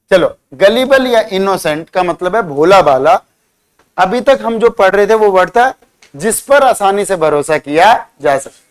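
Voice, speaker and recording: Man teaching a lively vocabulary class. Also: high-pitched, smooth. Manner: drills words by spelling them out and quizzing students; teasing, scolding banter with students. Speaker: English teacher.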